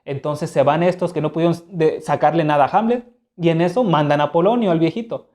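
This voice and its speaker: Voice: medium pitch, fairly quick. A storyteller, retelling a classic play casually and stopping to explain old words. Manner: animated, conversational, with asides to explain old words.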